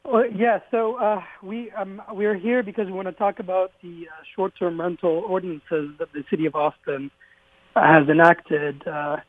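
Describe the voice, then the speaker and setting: A man's voice: on the high side, no echo. A man in his thirties from Lebanon, a guest entrepreneur on a radio interview, speaking hesitantly with many fillers and restarts. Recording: tinny phone line, dry.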